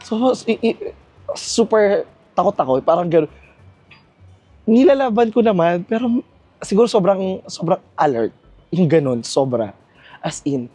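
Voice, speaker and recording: A young man from the Philippines vlogging casually to camera from his lodging, telling a travel story in an animated way with laughs. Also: sits high, unhurried, pauses often, breathy edge, dry recording. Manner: chatty, animated storytelling with laughs and self-mocking asides. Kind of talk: casual vlog talk to camera.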